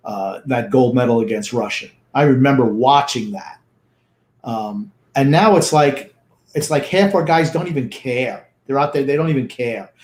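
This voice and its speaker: A man's voice: medium pitch, a little mellow, echoey room. An older man co-hosting a sports talk show, blunt and grumpy with dismissive opinions. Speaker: co-host.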